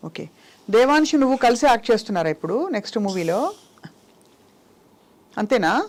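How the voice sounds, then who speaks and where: Telugu lady host gently teasing a little kid, lots of quick questions, voice sits a bit high. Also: sing-song. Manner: coaxing, teasing, asks many short questions. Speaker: interview host. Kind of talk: playful interview with a small child.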